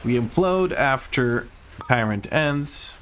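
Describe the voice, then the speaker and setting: A man with a Croatian accent talks through his gameplay in a relaxed, chatty way, poking fun at his own mistakes and swearing casually. His voice sits at an ordinary pitch for a man. A faint hiss of noise runs behind him. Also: slow pace. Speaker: streamer.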